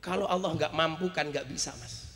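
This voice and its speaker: A male preacher telling an emotional personal story in a sermon, dropping to a hush and rising to shouts. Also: fairly high pitch, a little fast, in a large hall. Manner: emotional, swings from hushed to shouting.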